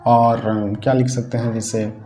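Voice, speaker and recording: A man's voice: on the low side, flat delivery, measured pace, dark tone, faint music behind. A man teaching a grammar lesson, explaining step by step, repeating key points and putting questions to his students. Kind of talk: Hindi classroom-style grammar lesson. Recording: echoey room with faint noise.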